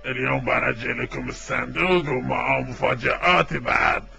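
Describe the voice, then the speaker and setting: A man with a Bahraini Gulf Arabic accent voicing a scheming, gravelly cartoon villain in a comic dub. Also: mid-range voice, normal speed, sharp tone. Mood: sly, promising. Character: scheming villain bargaining with the Smurfs.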